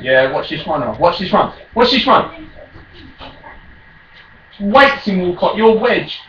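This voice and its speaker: Male, British accent, raging gamer, taunting trash talk, bright forceful voice, swooping pitch, distant mic. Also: big pitch swings, slow pace, highs cut off. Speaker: video game player. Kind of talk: trash-talking during an online football game. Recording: echoey room, distant mic, faint noise.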